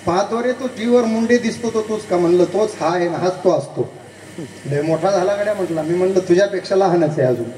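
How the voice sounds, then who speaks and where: A man's voice: sits high, a little fast, warm tone, a little hiss or hum. A man preaching a devotional kirtan sermon, telling a story and acting out both sides of the conversation while speaking directly to the crowd. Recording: echoey hall, voice from a distance.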